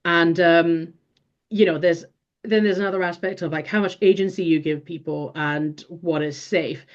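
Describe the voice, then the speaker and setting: A native Finnish woman in her forties speaks as an interview guest, her voice on the low side. She thinks aloud, stopping and restarting her sentences. The audio sounds a little dull and lo-fi. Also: steady tone, moderate pace. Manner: thoughtful, many restarts and fillers. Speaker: guest, behavioral strategy consultant. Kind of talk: casual interview talk.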